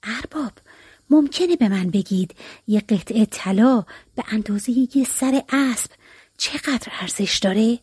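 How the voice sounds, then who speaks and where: A woman's voice: high voice, big pitch swings, no echo, clean studio sound. A woman reading a folk tale, voicing a poor, clever peasant man who speaks politely and slyly. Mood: hushed. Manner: sly, polite, quietly cunning.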